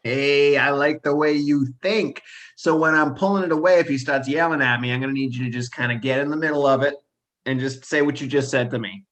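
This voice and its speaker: A man's voice: medium pitch, fairly even intonation, a little fast, a bit bright, lightly acted. A man voicing a sly, wine-loving male satyr who bargains hesitantly and keeps saying "uh". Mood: bargaining.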